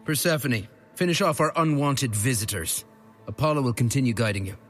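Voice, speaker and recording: A man's voice: mid-range voice, animated, a little fast, faint music behind, lightly acted. A man playing a cold heist boss. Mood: commanding. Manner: curt commands. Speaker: heist crew leader.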